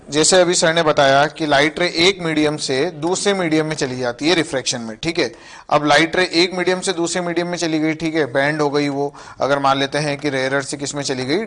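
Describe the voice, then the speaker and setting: A man's voice: a little high, fairly even intonation, a little fast, a bit bright. A man co-teaching a physics lesson, reasoning through each point step by step. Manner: reasons step by step, checks with fillers like "ठीक है". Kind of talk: classroom lesson explaining concepts.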